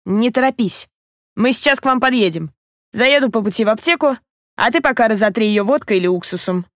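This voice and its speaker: A woman doing a brisk, confident male doctor friend. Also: on the high side, animated, no echo, studio quality, close to an everyday voice. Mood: brisk, assured. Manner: brisk and commanding.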